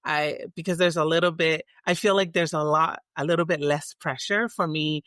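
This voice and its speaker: A woman's voice: low voice, steady tone, moderate pace, a bit bright, dry recording, clean studio sound. A middle-aged woman from Tonga, a guest in a casual interview, talking reflectively with many restarts and fillers.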